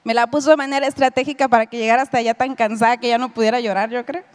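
A woman's voice: a little high, steady tone, very fast. A middle-aged woman giving a lecture with a personal testimony, telling her story and speaking directly to her audience. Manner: storytelling, addresses listeners directly, acts out quoted dialogue. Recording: long hall reverb.

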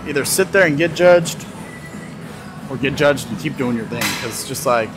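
A man's voice: mid-range voice, animated, normal speed, rough recording. A man in his twenties with a laid-back, rambling manner, vlogging casually from a large gym and laughing often between remarks. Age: 20s. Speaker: fitness vlogger. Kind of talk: casual walk-and-talk vlog. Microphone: phone camera on a tripod nearby. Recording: gym music playing loudly behind. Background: music playing in the gym.

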